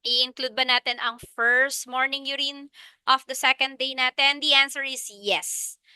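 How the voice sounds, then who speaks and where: In a review lecture that blends Tagalog and English, a Filipino-accented woman asks and answers her own questions and reiterates the key points. Her voice sits high with fairly even intonation at normal speed, bright, forceful and smooth, recorded without room sound.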